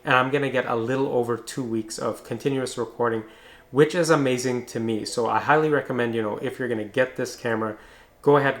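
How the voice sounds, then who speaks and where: Man narrating a conversational product review. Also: medium pitch. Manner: explanatory, informal.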